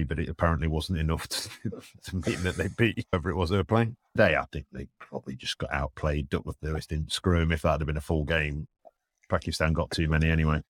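A man co-hosting a podcast, giving casual sports analysis quietly, in an understated, hesitant way. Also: rumbling low, dry recording, studio quality. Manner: speaks quietly at home late at night. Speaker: podcast co-host.

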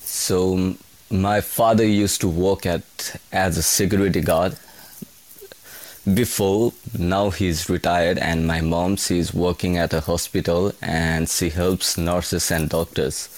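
A young man from Nepal, a kitchen hand answering interview questions in a halting way, often restarting his words. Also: low-pitched, steady tone, darkish tone, no room sound. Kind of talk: casual interview.

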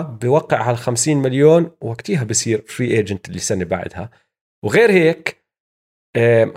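A man with a Levantine Arabic accent hosts informal sports commentary. His voice sits at an average pitch and moves along rapidly, slipping English jargon in as he explains. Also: a little mellow. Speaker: sports show host. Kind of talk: casual basketball news commentary.

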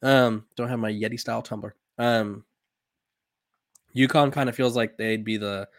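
A man's voice: mid-range voice, fairly even intonation, moderate pace, no echo, studio quality. Rambling young man hosting a sports podcast. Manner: rambling, filler-heavy, many "um"s and restarts. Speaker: podcast host. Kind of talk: casual sports podcast commentary.

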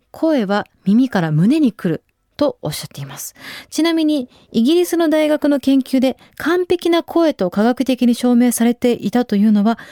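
A woman in her twenties hosting a radio show, chatting casually and relaxed, with frequent soft asides. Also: mid-range voice, no echo, studio quality. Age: 20s. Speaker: radio host. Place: radio studio. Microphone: studio microphone.

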